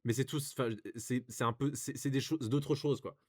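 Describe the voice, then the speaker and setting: A man's voice: medium pitch, fairly even intonation, moderate pace. A young man with a French accent, reading and commenting on reviews in casual, rambling chat full of fillers and restarts.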